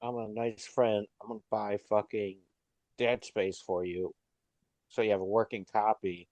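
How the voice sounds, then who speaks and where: A man's voice: on the low side, level tone, a little slow, a little mellow, no echo. A man in his thirties in a casual podcast chat who jokes and teases. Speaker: podcast co-host.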